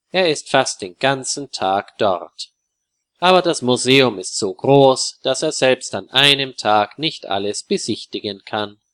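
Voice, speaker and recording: A man narrating a story for learners in a slow, calm, clearly articulated reading. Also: medium pitch.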